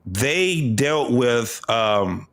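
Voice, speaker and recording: A man in his fifties talks in a relaxed group podcast debate. His pitch sits in a plain middle range, and he hammers each point home by repeating it and firing questions at the others. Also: extremely slow. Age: 50s. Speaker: podcast co-host.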